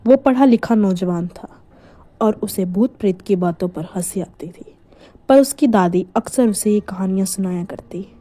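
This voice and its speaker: A woman narrating a scripted horror story in a hushed, suspenseful manner. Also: medium pitch, a little slow, dry recording.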